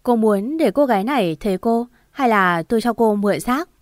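A woman storyteller voicing an elderly spirit medium who speaks in a flat, unhurried way. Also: on the high side, dry recording, studio quality, natural voice. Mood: calm. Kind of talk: audiobook story reading.

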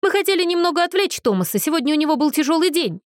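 Sharp worldly young man, read by a woman, intense, earnest, high pitch, audiobook. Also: animated, quick pace, dry recording, clean studio sound. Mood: shouting. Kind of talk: audiobook character voice.

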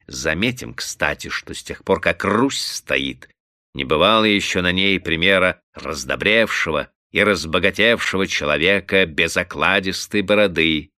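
Male audiobook narrator, lowish voice, bright, lively telling, dry sound. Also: dry recording. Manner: expressive, measured storytelling. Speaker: audiobook reader. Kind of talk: scripted narration.

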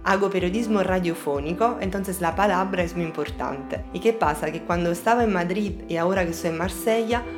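A radio artist from Naples, Italy, whose first language is Italian, answers interview questions with an Italian accent. She speaks thoughtfully at a fairly low pitch, pausing often to search for words, with music in the background.

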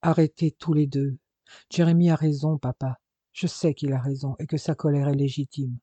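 Injured young guy, quiet and sorry, as a man reads him, dark soft voice. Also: on the high side, steady tone, normal speed, no room sound, muffled recording, natural voice. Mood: subdued. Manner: quiet, subdued. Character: weak injured young man, fearful and remorseful.

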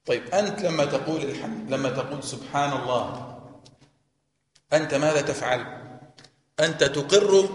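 A man teaching Quran commentary in a mosque lesson, often asking his listeners questions and repeating key phrases. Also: mid-range voice. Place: mosque hall. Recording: echoey hall, faint noise.

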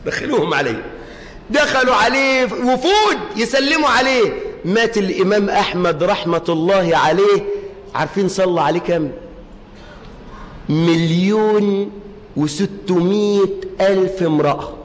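Egyptian male preacher, high-pitched, fervent, long reverb of a mosque hall. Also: lively intonation, fairly quick. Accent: Egyptian Arabic. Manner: impassioned, swings between hushed storytelling and shouted exhortation. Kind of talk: sermon storytelling.

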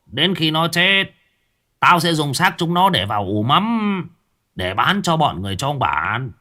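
A man's voice: on the high side, very animated, unhurried, pushed and bright, pitched above the performer's own voice, exaggerated voice. In this horror audiobook, a cackling old male sorcerer sneers and gloats in a raised, strained voice, as a male narrator puts him on. He is vengeful and menacing, taunting his victims with glee. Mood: gloating.

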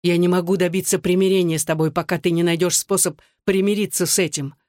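A reader voicing a bitter scarred soldier husband. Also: male voice, high voice, little pitch movement, fast talker, darkish tone, dry recording, studio quality, natural voice. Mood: anguished. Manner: hoarse, clipped through gritted teeth. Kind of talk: audiobook dialogue.

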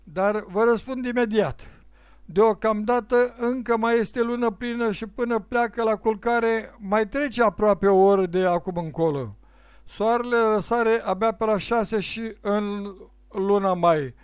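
A male reader voicing a woman in her thirties with a thin voice and an irritable temper, lifting his pitch a little for her lines in a read-aloud story. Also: smooth, dry recording, close to an everyday voice. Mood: calm.

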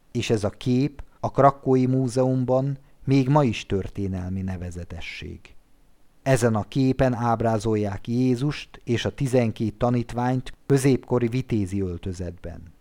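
A male audiobook narrator reads a classic tale in a measured, dramatic way. His voice sits at an ordinary middle pitch, steady and deliberate. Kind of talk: scripted literary narration.

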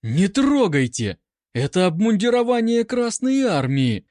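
A man voicing a defiant young female Red Army soldier who shouts her indignation in a raised, strained voice. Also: sits high, very animated, measured pace, no echo, clean studio sound, voice pushed up. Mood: defiant, shrill.

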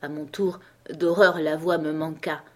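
A woman narrating an audiobook in a measured, dramatic reading voice. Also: sits low, steady tone, darkish tone. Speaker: audiobook reader.

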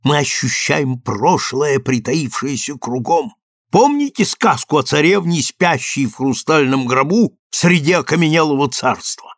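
A man reading a story aloud as a narrator, in a measured, expressive storytelling manner. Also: a little high, dry recording, studio quality. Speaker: audiobook narrator. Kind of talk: scripted narration.

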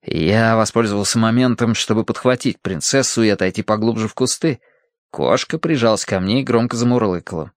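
A man narrating a novel as an audiobook in an even, measured way. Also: on the low side, no echo, clean studio sound.

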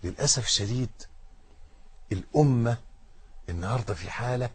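A man with an Egyptian accent preaching a sermon, moving from loud emphatic stress to hushed, intimate asides aimed straight at his listeners. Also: mid-range voice, expressive, a little fast, husky, no room sound. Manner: speaks directly to the audience with colloquial asides.

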